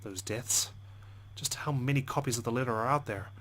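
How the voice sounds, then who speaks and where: A man with a medium-pitched, slightly bright voice reads visual novel narration for his let's play at a fairly quick clip. He's expressive, swears a lot, and adds side comments over slight background noise.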